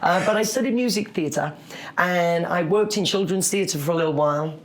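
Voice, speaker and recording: A man's voice: high-pitched, a little fast. A man speaking as a cruise director in an interview, chatting in an upbeat, cheerful and friendly way.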